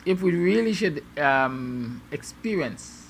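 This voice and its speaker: A man's voice: fairly high pitch, expressive, slow, vocal fry, slight background noise. A Guyanese man hosting a morning show, musing aloud with rhetorical, sarcastic questions to his viewers. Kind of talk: opinion monologue to viewers.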